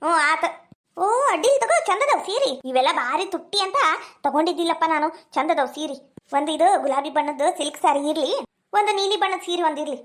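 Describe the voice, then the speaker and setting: Brief: woman doing a doting old village mother-in-law, very high and shrill, North Karnataka accent, quick, coaxing. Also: animated. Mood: pleased. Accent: North Karnataka Kannada. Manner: coaxing, fond scolding. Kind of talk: village comedy skit.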